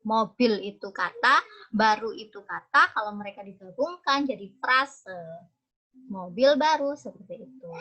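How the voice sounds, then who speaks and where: A woman's voice: fairly high pitch, fairly bright tone, dull audio. A young woman lecturer with an Indonesian accent, moving between English and Indonesian as she explains terms patiently to her class. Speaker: university lecturer.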